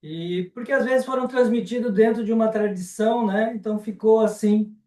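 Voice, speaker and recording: A man with a Brazilian Portuguese accent teaching a live online class, unhurried and often ending sentences with a checking question. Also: high voice, fairly even intonation, darkish tone, distant mic. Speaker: Sanskrit teacher. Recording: roomy and off-mic.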